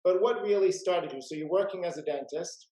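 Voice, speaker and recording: A man's voice: sits high, fairly quick, warm tone, reverberant, low-quality recording. A man hosting a casual video-call chat about rare books, talking in a chatty way full of "uh" and "you know". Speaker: rare book dealer and host.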